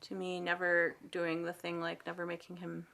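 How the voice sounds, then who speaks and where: A soft-spoken, reflective woman talks about raising her son in a documentary interview. Her voice is low-pitched and quite flat in melody. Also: normal speed, gravelly. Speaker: mother interviewed about parenting.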